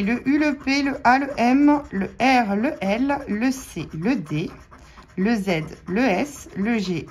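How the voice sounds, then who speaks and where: Slow-talking French woman scratching tickets. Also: medium pitch, darkish tone, a little hiss or hum. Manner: slow, chatty, addresses viewers as friends, spells out letters. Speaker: scratch-card vlogger. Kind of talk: casual commentary while scratching lottery tickets.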